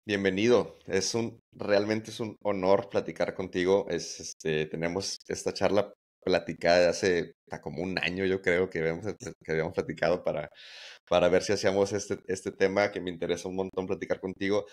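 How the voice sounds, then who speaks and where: Low-voiced Mexican host, halting questions. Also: male voice, steady tone. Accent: Mexican Spanish. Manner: halting, repeats words while asking questions. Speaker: podcast host. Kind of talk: conversational interview.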